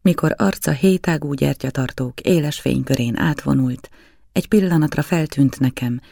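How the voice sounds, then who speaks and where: Man reading a novel, gravelly dry voice. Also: medium pitch, a little mellow, no echo. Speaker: audiobook reader. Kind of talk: scripted narration of a novel.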